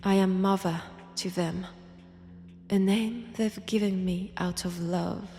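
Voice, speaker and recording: She voices an ancient vampire, alluring and threatening, in close audio roleplay, her French accent and breathy tone sinking at times into whispers. The mid-range voice is dark, slow, and fairly even, tender and possessive, with soft music underneath.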